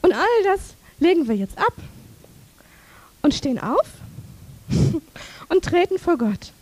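A woman preaching a sermon in church, telling personal stories and leading prayer in a lively way. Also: very high-pitched, slow.

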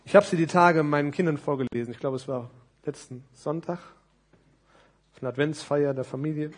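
A man preaching a sermon, animated, who asks his listeners rhetorical questions. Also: on the high side, brisk.

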